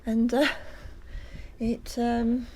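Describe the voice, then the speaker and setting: A woman vlogging a walking tour on a hillside speaks in a fairly high but dark, monotone voice, drawing out her words, with slight background noise. Her narration is casual, chatty and hesitant with plenty of ums, and climbing leaves her out of breath at times.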